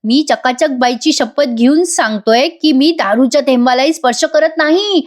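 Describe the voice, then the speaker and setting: A woman's voice: sits high, moderate pace, voice pushed up, close to an everyday voice. A woman doing a teasing young husband. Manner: joking, coaxing.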